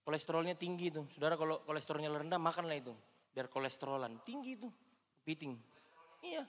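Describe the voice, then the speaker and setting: A woman from Indonesia preaching a sermon, lively and joking with the congregation, with big swings in pitch and loudness. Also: quick pace, in a large hall. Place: church hall.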